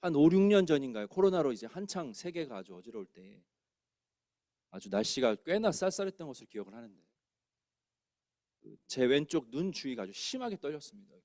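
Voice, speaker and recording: Male pastor, middle-aged, lively sermon delivery with acted-out quotes, close dry sound. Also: fairly high pitch, a little fast, pauses often, dry recording. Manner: animated preaching, acting out quoted voices. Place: church sanctuary.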